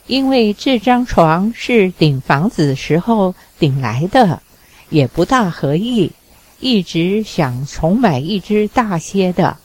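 A woman reading the lines of a protective, fussy housemaid, brisk and defensive. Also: medium pitch, warm tone, no room sound.

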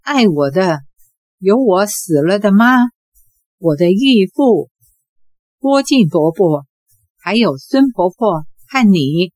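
A woman's voice: medium pitch, very animated, slow, long pauses, a little mellow, no echo. A woman voicing a cheeky, glib teenage boy in an audiobook, in a playful, wheedling manner. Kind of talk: audiobook character voice.

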